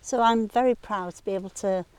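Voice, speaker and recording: A middle-aged woman from Sheffield, England, with a Yorkshire accent, chats as a guest on an open hillside and describes the landscape around her. Her mid-range voice is a little mellow, clear and resonant, with no echo. She speaks in a descriptive, unhurried way, pointing out features of the scenery in casual outdoor conversation.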